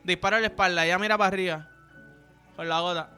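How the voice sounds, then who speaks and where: A man's voice: sits high, fairly even intonation, quick pace, pushed and bright, smooth. A young man with a Puerto Rican accent, hosting a podcast in a crude, rambling, joking monologue. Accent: Puerto Rican Spanish. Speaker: podcast host. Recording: music playing in background.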